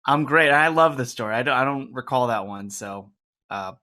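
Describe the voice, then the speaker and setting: A man's voice: medium pitch, moderate pace, bright, forceful tone. A man on a video call with the hosts, giving brief, hesitant answers in casual chat.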